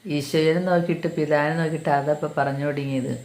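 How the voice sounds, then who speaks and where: A woman's voice: deep voice, fairly even intonation, fast, darkish tone. A middle-aged woman, a catechism teacher, giving an earnest personal religious testimony and calling listeners dear brothers and sisters. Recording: echoey room.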